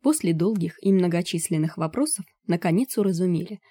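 Low mellow woman narrating an audiobook. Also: animated, a little fast, breathy edge, no echo, clean studio sound.

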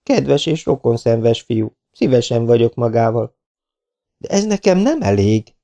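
A man reading an audiobook, voicing a composed young woman with a calm, gently firm and slightly teasing manner. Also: mid-range voice, vocal fry. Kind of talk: audiobook character voice.

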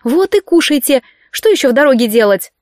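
Storybook figure: a loud, bossy, fussing woman friend, as a reader puts her on, high and pushy. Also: expressive, a little fast, no echo, studio quality. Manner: loud, insistent.

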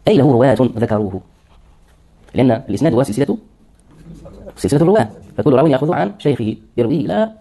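A man's voice: medium pitch, dark tone. A man lecturing on hadith terminology, explaining words one by one and answering his own questions. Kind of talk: classroom lecture.

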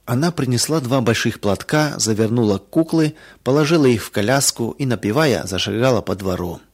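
Calm male storyteller. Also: mid-range voice, brisk. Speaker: narrator.

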